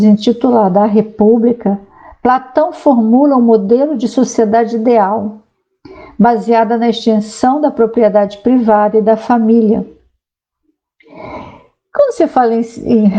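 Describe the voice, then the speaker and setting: A woman's voice: a little high, warm tone, highs cut off. Chatty woman explaining politics. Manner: conversational, frequent tag questions, reads aloud from a site. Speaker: sociologist commentator. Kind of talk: casual explanatory talk to viewers.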